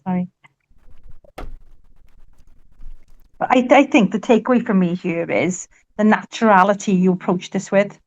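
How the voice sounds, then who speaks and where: A woman joining an online group on a video call, speaking in a quick, chatty, apologetic way. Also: medium pitch, dry recording. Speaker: group participant. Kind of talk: casual online group discussion. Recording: dull lo-fi call audio.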